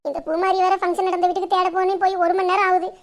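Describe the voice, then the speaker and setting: A young performer voicing a vain, greedy middle-aged village mother in a comic skit, speaking a with scolding, drawn-out calls. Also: extremely high pitch, level tone. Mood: fretful.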